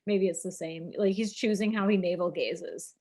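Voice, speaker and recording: A woman co-hosting a casual podcast chat, animated and laughing, with many filler words. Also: lowish voice, moderate pace. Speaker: podcast co-host.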